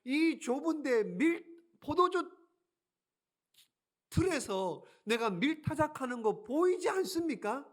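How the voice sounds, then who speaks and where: A man's voice: extremely high pitch, sing-song, slow, voice pushed up, heavily acted. A man voicing a fearful young male farmer who pleads and protests in a raised, strained voice. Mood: protesting.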